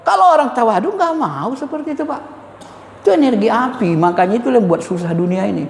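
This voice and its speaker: Animated male preacher in an echoey hall. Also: very high-pitched, quick pace, vocal fry, a little hiss or hum. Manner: animated, emphatic, repeats key words; addresses listeners as "Pak", chuckles. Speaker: Islamic spiritual teacher. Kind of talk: informal religious lecture. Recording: echoey hall with faint ambience.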